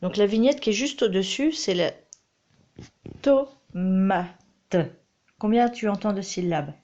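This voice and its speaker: A woman's voice: mid-range voice, animated, fairly quick, darkish tone. A woman teaching her child to read at home, patient and coaxing, recorded on a dull, lo-fi mic. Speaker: homeschooling mother. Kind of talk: reading lesson with a child.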